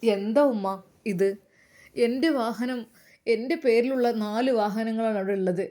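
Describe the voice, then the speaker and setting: A woman's voice: a little high, unhurried, warm tone, close to an everyday voice. A woman voicing an upset young husband pleading with his mother.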